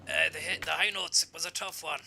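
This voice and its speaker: Host doing a growly, boastful crooner, low and mumbling, harsh bright grit, faint hum behind. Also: male voice, steady tone, a little fast, gravelly, exaggerated voice. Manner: low, mumbling, half-whispered bravado with swearing. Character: gruff male lounge singer, mock-proud and boastful.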